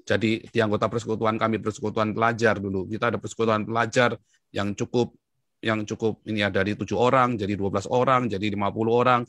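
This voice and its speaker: A man from Indonesia telling his story in an interview, excitable, his voice jumping up in pitch as he gets worked up. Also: quick pace, no room sound, clean studio sound. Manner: excitable, with sudden jumps in pitch and frequent address to the listener.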